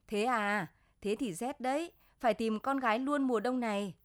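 Woman reading a story, slightly high. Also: moderate pace, no echo, clean studio sound. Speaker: story reader. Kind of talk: literary storytelling.

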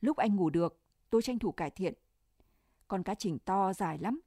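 Calm young soldier who looks after his sick comrade, plain and reassuring in a mellow, dry voice, read by a woman narrator. The storybook telling stays gentle and even throughout. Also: medium pitch, moderate pace, slightly rough, dry recording. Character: young male soldier, caring and practical.

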